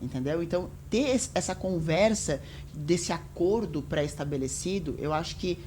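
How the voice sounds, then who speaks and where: A woman's voice: lowish voice, normal speed, a little hiss or hum. A woman, a podcast guest chatting casually and acting out what she and others said. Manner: animated storytelling, quotes herself and others.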